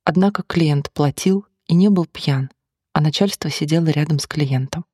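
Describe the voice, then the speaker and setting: An audiobook narrator reading a novel in an even, measured way. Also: medium pitch, breathy edge, no echo, studio quality.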